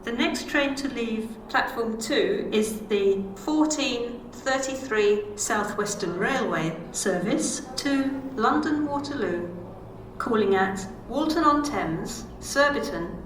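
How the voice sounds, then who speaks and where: A woman's voice making a train station announcement through a public address loudspeaker. She is a little high in pitch and deliberately slow, every word set out evenly. The sound bounces around a busy station with plenty of ambient noise behind it. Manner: measured, even recorded delivery. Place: railway station platform. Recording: echoey platform loudspeaker, noisy station.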